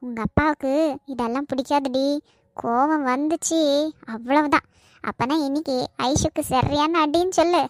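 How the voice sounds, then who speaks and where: A woman's voice: sits high, normal speed, no echo, lightly acted. A woman voicing a harsh, scheming middle-aged stepmother in a cartoon, with a scolding, spiteful way of talking.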